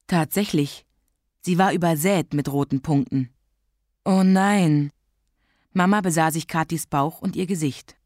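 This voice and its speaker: Woman narrator, storybook read-aloud, slightly low voice, dry close mic. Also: normal speed, no room sound. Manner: clear, lively, expressive reading.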